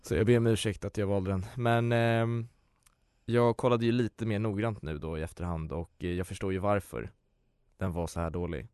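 A man's voice: fairly low pitch, steady tone, a little mellow, clean tone, no room sound, studio quality. A man co-hosting a casual chat, joking in a blunt and crude way. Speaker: podcast co-host.

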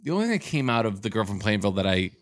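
A man's voice: fairly low pitch, dry recording, clean studio sound. A man from Massachusetts, co-hosting a podcast in casual chat, swearing freely and restarting his sentences. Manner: swearing, quick restarts, animated. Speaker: podcast co-host.

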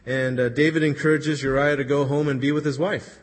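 A man's voice: medium pitch, level tone, brisk. A man preaching a sermon, retelling a story in an earnest, conversational way and quoting the people in it. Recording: long hall reverb.

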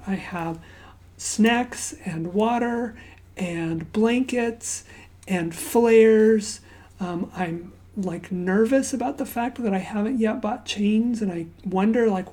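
A soft-spoken pastor from Zambia delivers a sermon with an opening prayer, her mid-range voice slow and mellow. She speaks unhurriedly, often dropping to a hushed near-whisper, telling stories conversationally with fillers and asides.

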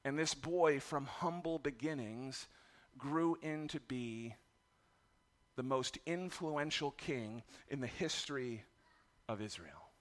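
A middle-aged pastor preaches a sermon, candid and self-deprecating about his family struggles, his voice raspy from yelling. He speaks slowly at a medium pitch.

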